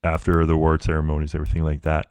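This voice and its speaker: Very deep-voiced man telling stories. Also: monotone, racing, darkish tone, no echo. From Canada. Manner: laid-back storyteller, many fillers. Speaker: podcast guest, Paralympic athlete. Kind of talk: casual interview chat.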